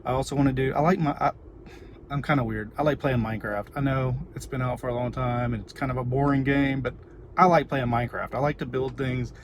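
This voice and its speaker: Texan man rambling over loud background noise. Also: medium pitch, steady tone, fairly quick. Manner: rambling, informal. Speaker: vlogger and parent. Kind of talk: casual chatty livestream, answering viewers. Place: inside a car. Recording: noisy car with ambient background noise.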